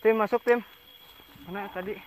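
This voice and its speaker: Dude, kinda high voice, urgent shouts and allahu akbar, faint outdoor night noise. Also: male voice, fairly even intonation, normal speed, poor audio. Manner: urgent exclamations and repeated takbir. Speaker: ghost-hunt team member. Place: outdoors at night in rural surroundings.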